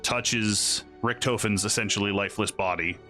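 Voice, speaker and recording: A drunk man casually explaining game lore to friends, halting, swearing and losing his thread. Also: on the low side, steady tone, pushed and bright, soft background music. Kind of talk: casual, rambling storytelling among friends.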